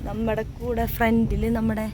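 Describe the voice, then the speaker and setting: A young woman who runs a family travel vlog chats informally with her viewers, often addressing them directly and mixing in occasional English words. Her voice is on the high side and monotone, at a moderate pace. She's in a car and outdoors on a road trip, with noisy vehicle and outdoor sound in the background.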